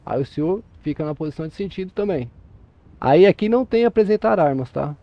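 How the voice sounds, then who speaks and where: A man's voice: a little high, lively intonation, fairly quick, muffled recording. A man with a Brazilian Portuguese accent instructing a drill in a police roleplay over voice chat, patient and step by step, checking that he is understood.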